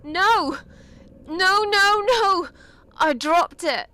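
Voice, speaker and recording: A woman voicing a weary, guarded heroine in a horror video game, tense and wary and quick to panic. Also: medium pitch, no room sound. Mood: panicked.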